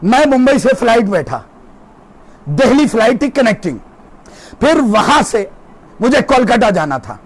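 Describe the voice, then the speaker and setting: A male cleric delivering an impassioned religious sermon with an Indian Urdu accent, moving between quiet storytelling and shouted declamation. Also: very animated, moderate pace, pauses often, a little hiss or hum. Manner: oratorical, swings from low storytelling to shouted declamation. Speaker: cleric giving a majlis sermon. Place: gathering hall with a crowd.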